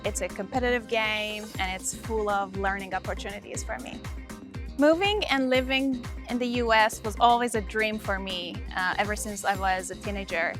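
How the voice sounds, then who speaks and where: A young woman from Iran, reading an earnest, upbeat introduction of herself as a master's student. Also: mid-range voice. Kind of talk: scripted self-introduction.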